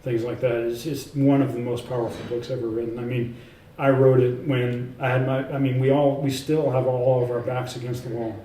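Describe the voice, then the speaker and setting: A man being interviewed about his own work, talking in a loose, rambling way full of fillers and restarts but sure of himself and emphatic. His voice is mid-pitched and mellow. He sits a little back from the mic in an echoey indoor room, with a faint hum of ambience behind him. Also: flat delivery, fairly quick, hardly any pauses, far from the mic. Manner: emphatic, self-assured. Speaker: author and researcher, interview guest. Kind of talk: casual in-person interview.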